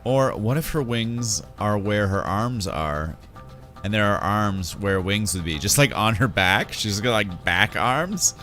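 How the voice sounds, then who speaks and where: A man's voice: lowish voice, a little slow, bright, forceful tone, faint music behind. A man from Canada streaming a game, chatting casually and reading game text aloud. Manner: chatty, rambling, light-hearted. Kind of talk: casual let's-play commentary and reading aloud.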